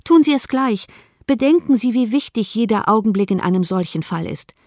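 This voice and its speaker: A woman voicing a quick-witted young woman in an audiobook, pressing and earnest. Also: medium pitch, animated, a little mellow, no echo, clean studio sound, close to an everyday voice. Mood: urgent. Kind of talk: audiobook reading.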